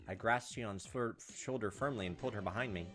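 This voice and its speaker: Game music plays behind a man whose voice sits on the low side and sounds a bit bright at a moderate pace. Hosting a gameplay video, he dramatically reads a visual novel aloud in a punchy, theatrical way and cracks jokes along the way.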